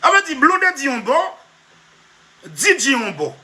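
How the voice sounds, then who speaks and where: A comedy vlogger performs a comic monologue in a very high-pitched, bright, forceful voice with huge swings in pitch. He speaks unhurriedly but emphatically, repeating himself, often half-laughing, and keeps addressing "monsieur."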